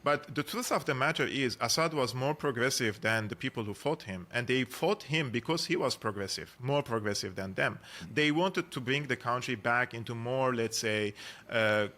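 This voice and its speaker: A man's voice: mid-range voice, moderate pace, sharp tone. Earnest man with a Syrian Armenian accent. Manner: earnest, with frequent fillers and restarts. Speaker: guest, journalist and political analyst. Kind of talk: conversational podcast interview.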